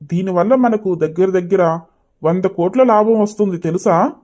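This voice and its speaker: A man voicing an easygoing young husband and son in a cartoon story, gently teasing. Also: high voice, moderate pace, lightly acted.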